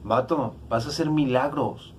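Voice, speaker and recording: A man's voice: mid-range voice, measured pace, darkish tone, slight background noise, close to an everyday voice. A man voicing God as blunt, slangy and reassuring. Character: casual, unbothered male God speaking.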